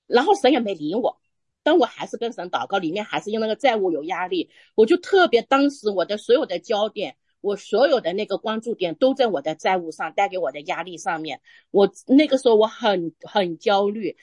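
A woman telling a personal faith testimony in conversation, earnest and halting, restarting her phrases often. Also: mid-range voice, lively intonation, darkish tone, no room sound. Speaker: church member sharing testimony.

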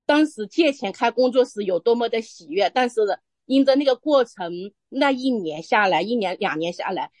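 A woman telling a personal faith testimony in conversation, earnest and halting, restarting her phrases often. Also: on the high side, animated, dry recording. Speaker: church member sharing testimony.

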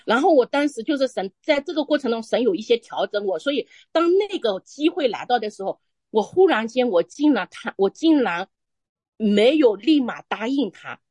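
A woman telling a personal faith testimony in conversation, earnest and halting, restarting her phrases often. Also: a little high, sing-song, a little mellow, no room sound. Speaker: church member sharing testimony.

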